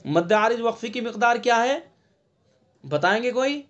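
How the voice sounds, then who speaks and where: High-voiced man teaching Quran recitation. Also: animated, a bit bright, highs cut off. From India. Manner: patient step-by-step explaining, checks "ٹھیک ہے؟"; chants verses slowly, stretching vowels. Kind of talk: online Quran recitation lesson.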